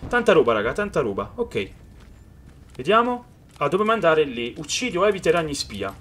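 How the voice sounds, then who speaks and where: A man giving excited let's-play commentary on a video game, reading the game's dialogue aloud and talking straight to his viewers. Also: on the high side, normal speed. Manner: excited, calls viewers "raga" often. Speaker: gaming youtuber.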